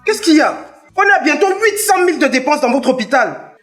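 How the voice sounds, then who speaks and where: A man's voice: very high-pitched, very animated, a little fast, fairly bright tone, faint music behind, exaggerated voice. A man with a Cameroonian French accent playing a young son who insistently confronts hospital staff. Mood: impatient. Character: impatient young adult son, demanding answers. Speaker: son of the patient.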